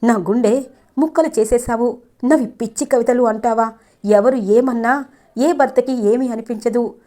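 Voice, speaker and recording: A woman voicing a gentle young husband and poet, speaking with wounded, pleading questions. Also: on the high side, moderate pace, lightly acted. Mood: heartbroken.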